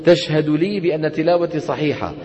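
A man teaching Quran recitation rules, quizzing his students with quick questions and answering them himself. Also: fairly high pitch, fairly even intonation, mellow, big-room sound, muffled recording. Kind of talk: classroom lecture on tajweed.

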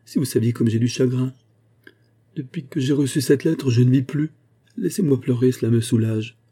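A man's voice: lowish voice, fairly quick, mellow, husky. A man voicing a fragile young shop girl who speaks in a pleading, broken way.

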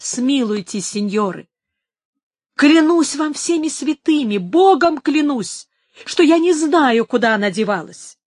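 A woman's voice: high voice, lively intonation, measured pace, a little mellow, no room sound, clean studio sound, voice pushed up. A woman voicing a frightened old man who swears and pleads in a read-aloud story. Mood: pleading. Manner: pleading, grumbling.

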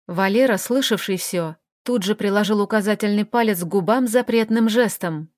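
A woman narrating an audiobook in a measured, expressive reading. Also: medium pitch, dry recording.

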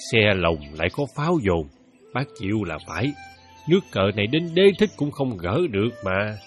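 A skilled village chess master, proud yet polite, played by a man. He chuckles often, and his voice rises and falls in lively curves. Music murmurs faintly under this radio play. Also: lowish voice, moderate pace.

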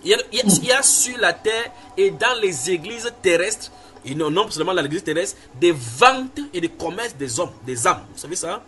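A man's voice: high voice, expressive, normal speed, pushed and bright, slight background noise. A man preaching a Bible sermon, emphatic, repeating phrases and putting questions to his listeners. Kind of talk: sermon teaching with Bible reading.

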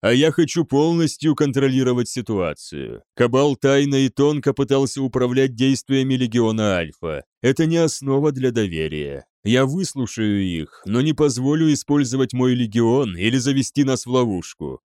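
A man voicing a cold, commanding male warlord in an audiobook, speaking with calm, controlled authority. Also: medium pitch, moderate pace, hardly any pauses, smooth, dry recording, clean studio sound, lightly acted.

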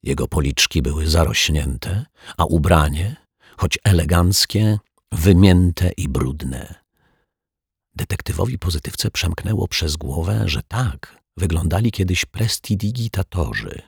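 A man calmly narrating a children's story as an audiobook reader on a close mic. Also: sits low, unhurried, gravelly, husky, no room sound.

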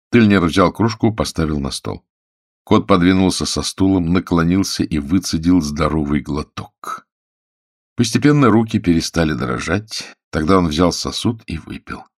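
A man with a very deep voice reads an audiobook in steady, measured narration. The sound is dry and close, with no room echo. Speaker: audiobook reader. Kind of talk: scripted narration.

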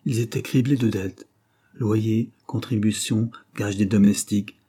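Husky, dark-voiced male narrator. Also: on the low side, steady tone, a little slow. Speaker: audiobook narrator. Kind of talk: scripted narration.

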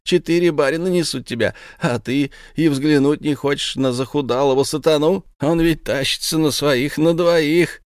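A man's voice: a little high, normal speed, few pauses, smooth, no echo, clean studio sound, voice pushed up, close to an everyday voice. A man doing a sneering, taunting Satan. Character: mocking male devil Satan, gloating and cruel.

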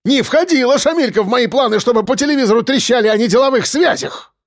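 A man voicing a raspy, bellowing mayor. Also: very high voice, lively intonation, fast talker, no echo, clean studio sound, voice pushed up. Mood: raging. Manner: bellowing, cursing, bullying. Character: furious foul-mouthed middle-aged male mayor.

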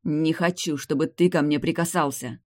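A man's voice: a little high, steady tone, moderate pace, no echo, natural voice. A man voicing a proud, hot-tempered female vampire noblewoman who hisses her words, in an audiobook read on a dry recording. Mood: furious. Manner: hissing, cold then furious.

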